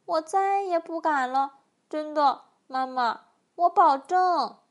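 A woman's voice: sits high, slow. A woman reading a storybook voices a huge boastful male giant who bellows and later whimpers. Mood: whimpering.

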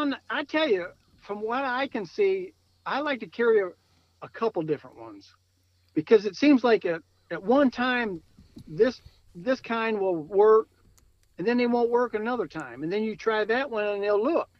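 A man's voice: sits high, lively intonation, normal speed, dry recording, muffled recording. A man from Michigan talking casually about hunting gear, rambling and repeating words, laughing often. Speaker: podcast guest, coon hunter. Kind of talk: casual chat.

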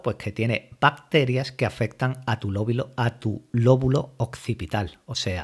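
A man from giving a casual, lively recap of a TV episode, loosely acting out the characters' lines as he retells them. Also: medium pitch, husky. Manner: lively retelling, voices quoted dialogue loosely. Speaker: series recap commentator.

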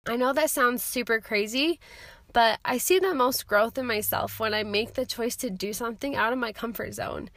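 Brief: young female podcast host, bright high voice, encouraging and chatty, a bit stuffy from a cold, close dry recording. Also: normal speed, no room sound. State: has a summer cold. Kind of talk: solo self-help podcast talk.

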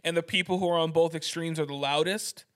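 A man's voice: a little high, fairly even intonation, fast talker, a bit bright. A young adult American man hosting a podcast, ranting irreverently and profanely in casual chat. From United States. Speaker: podcast host.

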